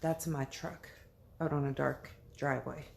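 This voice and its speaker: A woman with a low, gravelly voice rambles through a casual late-night vlog, talking to a handheld camera. She moves from her home to a dark driveway outside and now and then drops to a hush. There is a faint hiss under her voice. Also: steady tone, unhurried. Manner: chatty, rambling, drops to whispers outdoors. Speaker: vlogger.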